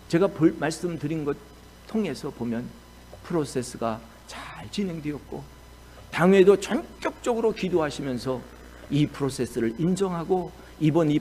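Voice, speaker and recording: A male pastor preaching a sermon in a lively, animated storytelling style. His voice sits fairly high and swings widely in pitch. It comes across warm and engaged. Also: a little hiss or hum.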